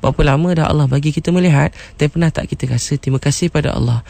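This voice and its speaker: A man's voice: fairly high pitch, rapid-fire, vocal fry, a little mellow, no room sound. A man in his thirties with a Malaysian accent, giving an earnest motivational radio talk and acting out the people in his stories. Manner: earnest storytelling, acts out quotes. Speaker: preacher.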